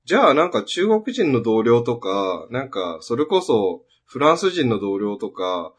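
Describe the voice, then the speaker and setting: Husky animated man chatting. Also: medium pitch, unhurried. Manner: animated, storytelling, rising for emphasis. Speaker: podcast co-host. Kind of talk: casual chat.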